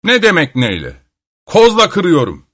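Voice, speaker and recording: A man voicing a stubborn, hot-tempered old grandfather in a storybook reading, defiant and shouting. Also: high-pitched, wildly swooping pitch, unhurried, dry recording, clean studio sound, pitched above the performer's own voice, exaggerated voice. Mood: indignant.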